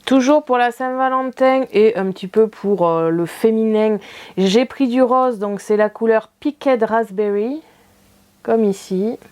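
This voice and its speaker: A woman's voice: a little high, unhurried, a little mellow. A woman hosting a crafting video, chatting casually about her purchases with many small fillers and light laughs. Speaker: craft channel host.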